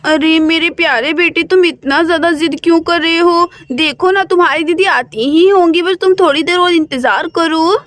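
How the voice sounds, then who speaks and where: A woman voicing a patient young mother who coaxes and gently scolds her fussing son, with a dry close sound. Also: extremely high pitch, moderate pace, hardly any pauses, no room sound. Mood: coaxing. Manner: coaxing, scolding softly.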